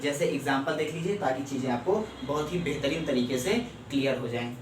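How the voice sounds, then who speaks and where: A man's voice: mid-range voice, brisk, background noise. Man teaching in an echoey room. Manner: explains step by step, keeps checking "clear?". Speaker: shorthand teacher. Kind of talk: classroom lecture. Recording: echoey room, mic far off.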